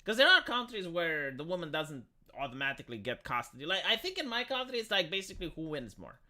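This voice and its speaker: Tinny, animated man. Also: on the high side, quick pace. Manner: argumentative, blunt, swearing. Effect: tinny, metallic sound. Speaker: live streamer. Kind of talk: casual opinionated chat, answering comments.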